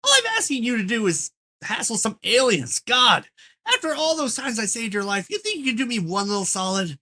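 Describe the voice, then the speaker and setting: A performer voicing a loud, foul-mouthed, indignant troll leader with theatrical exasperation in an amateur comic dub. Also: medium pitch, wildly swooping pitch, fairly quick, slightly rough, heavily acted. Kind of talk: amateur group dub of a comic chat log.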